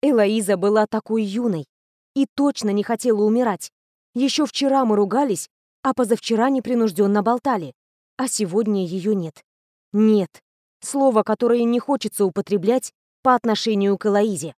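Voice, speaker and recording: A woman reading a first-person story as an audiobook narrator, steady and even. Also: mid-range voice, moderate pace, no room sound, studio quality.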